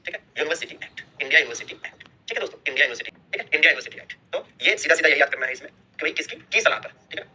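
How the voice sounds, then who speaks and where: A man's voice: on the high side, lively intonation, racing, bright, forceful tone, a little hiss or hum. A man teaching a history lesson to exam students, repeating key terms and answering his own questions, mixing in English terms and friendly asides to the class. He is a little unwell. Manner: mixes Hindi with English terms; friendly asides to students, calling them "bhaiya" and "dost". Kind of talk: online exam-prep history lecture.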